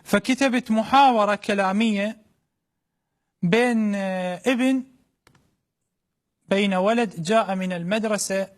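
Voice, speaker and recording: A man with an Iraqi Arabic accent reciting a colloquial verse dialogue with narration, declamatory and repeating lines for emphasis. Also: high-pitched. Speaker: religious reciter.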